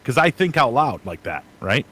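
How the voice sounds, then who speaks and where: A man who is a guest streamer, chatting casually on a panel and thinking out loud in long run-on advice. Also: medium pitch, sing-song, moderate pace, husky, low-quality recording.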